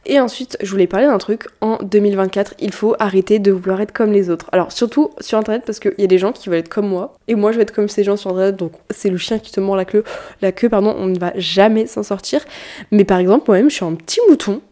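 Dark in tone, steady, and brisk, the medium-pitched voice belongs to a young French podcast host of about 19. She talks casually on her solo show, wandering from point to point and often fixing what she just said.

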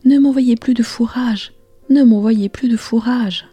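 A woman's voice: on the low side, animated, unhurried, mellow, breathy edge, no room sound, soft background music, heavily acted. A woman voicing a tiny, plucky boy in a whispered bedtime storybook role-play, with eager exclaiming whispers. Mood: pleading.

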